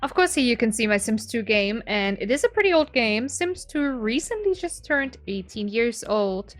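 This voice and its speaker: Her fairly high voice is very animated and moves at a normal speed. This gaming video creator, a woman in her twenties with a German accent, explains her game setup casually and chattily, poking fun at herself and laughing often.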